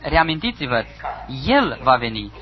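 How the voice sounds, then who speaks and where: A man preaching a sermon, reading scripture aloud with emphatic pauses. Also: mid-range voice, very animated. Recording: dull lo-fi recording with audience.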